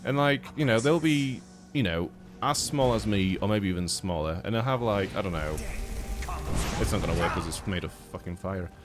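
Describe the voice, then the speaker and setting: A man's voice: fairly low pitch, normal speed, music in the background. A young man from Poland, streaming a game and chatting casually, rambling with lots of fillers and swearing, a little stuffy-nosed. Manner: rambling, swears a lot, many fillers and restarts. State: blocked nose. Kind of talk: casual live-stream chat while gaming.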